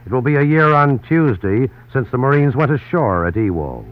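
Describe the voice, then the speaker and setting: A man's voice: mid-range voice, very animated, moderate pace. Man narrating like an old newsreel. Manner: dramatic, emphatic announcer delivery. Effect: old newsreel broadcast sound. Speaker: radio correspondent. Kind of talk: 1940s newsreel-style radio narration. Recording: tinny old radio broadcast with faint hiss.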